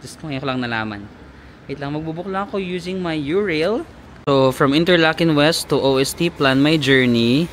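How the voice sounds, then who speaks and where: A man's voice: a little high, moderate pace, fairly bright tone. A Filipino man vlogging outdoors from a handheld phone, telling a playful, gossipy story and mixing in English. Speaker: travel vlogger. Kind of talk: casual vlog chat. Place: outdoors in a town in winter. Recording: faint street noise outdoors.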